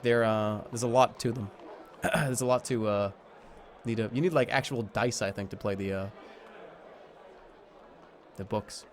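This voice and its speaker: A man's voice: fairly low pitch, fairly even intonation, a little slow, pauses often, a little hiss or hum. A man streaming a game, reading the story text aloud as narration and dropping informal, offhand commentary. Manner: informal, switches between dramatic reading and offhand asides.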